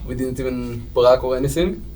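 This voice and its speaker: A man's voice: medium pitch, fast, darkish tone. A man, an esports player, chatting casually in a light, teasing way. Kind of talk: casual team chat. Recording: distant mic, faint noise.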